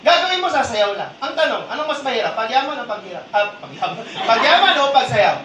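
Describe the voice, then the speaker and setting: Lively, teasing man training a crowd. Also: very high-pitched, fast talker, slight background noise. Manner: teasing, animated, quizzes the audience. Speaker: seminar trainer. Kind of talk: live training seminar with call-and-response. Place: seminar hall with a live audience. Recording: echoey hall, distant mic, audience murmur.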